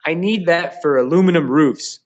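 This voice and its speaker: A man's voice: on the high side, moderate pace, highs cut off. A man chatting as a guest on a live show, eager and folksy, with lots of fillers. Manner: enthusiastic, folksy, many fillers. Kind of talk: casual live show chat.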